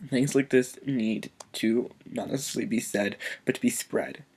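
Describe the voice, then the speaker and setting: A man vlogger speaking softly and earnestly in an emotional personal video message, halting as he fights back tears. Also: mid-range voice, steady tone, husky. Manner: soft-spoken.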